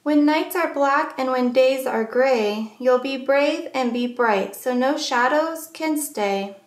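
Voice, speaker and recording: A woman reads a rhyming children's picture book aloud as a storyteller, phrasing things in a measured, deliberate way for young listeners. Her voice sits high, and the sound is roomy.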